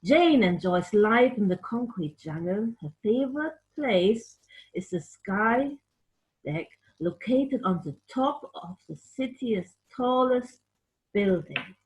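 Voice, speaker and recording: Speaking in a mid-range voice over a rough recording, a woman tells a picture-book story to children slowly and unhurriedly. Like a puppeteer storyteller, she is expressive and addresses the young listeners directly with questions.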